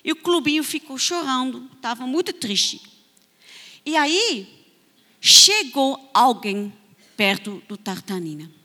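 A woman missionary telling a story to children at church, animated and sing-song. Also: high voice, slow pace, big-room sound. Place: church hall.

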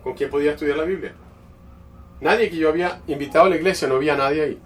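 In a church, a man with a slightly high voice preaches at a rapid clip, telling his sermon like a conversational story and often restarting his phrases. The mic is distant, picking up faint background noise.

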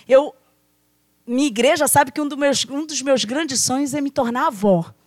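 A middle-aged woman from Brazil preaching a sermon, telling family stories in a lively way, acting out quoted voices and often calling out to her listeners as brothers. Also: sits high, moderate pace, no echo. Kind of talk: sermon with personal storytelling.

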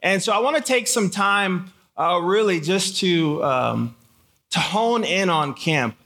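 This preacher, a guest camp speaker born in Haiti who grew up in Michigan, talks to live teens in a conversational style, repeating phrases and asking them questions. He takes it slowly in a high-pitched, expressive voice with a bright, forceful tone.

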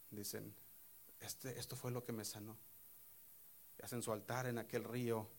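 A man preaching a sermon, retelling a Bible story with lively, acted-out quotes and sudden drops to a hushed voice. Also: on the low side.

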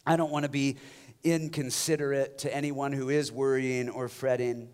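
A man preaching a passionate sermon as a pastor, swinging from loud exhortation down to hushed, near-whispered lines. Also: mid-range voice, level tone, normal speed, clear, resonant tone.

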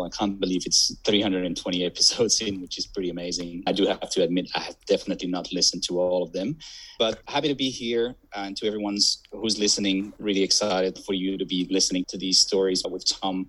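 A man with a deep, slightly husky voice and a mixed Belgian accent. He is the podcast guest and talks fluently, laying out his experience in long runs. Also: little pitch movement, brisk, fairly bright tone, rough recording. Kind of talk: podcast interview.

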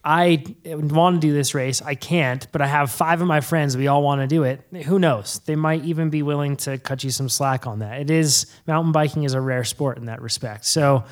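Brief: male podcast host, casual, loose, laughs easily, somewhat high voice. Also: moderate pace, few pauses. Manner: relaxed, rambling, laughs often.

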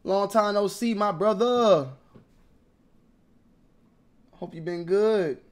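A young man vlogging about sneakers in slangy, repetitive casual talk that swings between mumbling and loud outbursts. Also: high-pitched, slow. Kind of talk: casual ranting commentary.

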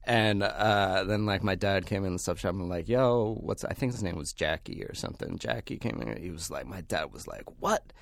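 A man's voice: sits low, fairly quick, vocal fry, few pauses, no room sound. A man talking as a podcast guest, telling casual stories in a rambling, blunt way, full of fillers and swearing. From Pennsylvania, United States. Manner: rambling, heavy use of fillers, blunt and profane. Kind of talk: casual storytelling.

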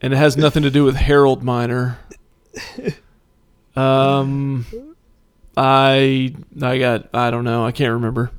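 A man's voice: medium pitch, little pitch movement, unhurried, pauses often, smooth, no room sound. An American man chatting and joking casually as a quiz contestant.

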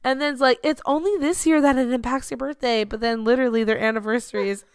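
A woman's voice: on the high side, steady tone, fast talker, clean tone, dry recording, studio quality. A woman in her twenties co-hosting a podcast, chatting casually with playful sarcasm and frequent laughter. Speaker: podcast co-host. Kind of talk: casual chat. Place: indoors at a table.

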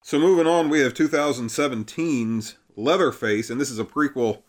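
A man's voice: medium pitch, moderate pace. Man, casual movie talk, asks questions, steers the chat, dry. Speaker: movie marathon co-host.

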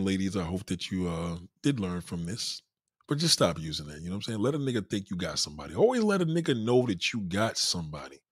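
A slightly rough, low-leaning male voice, recorded in studio quality without room sound, belongs to a New York streamer. He rants bluntly and profanely at his live audience in animated street talk, reading their comments out in a casual way.

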